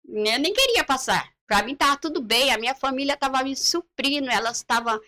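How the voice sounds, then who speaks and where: A high-pitched woman gives her testimony on a church live stream. Her voice is bright and sharp, and she tells her story with lively drama. She is middle-aged and acts out each remembered exchange. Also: fairly quick. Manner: animated storyteller who acts out the dialogue she recalls. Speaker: guest giving a faith testimony.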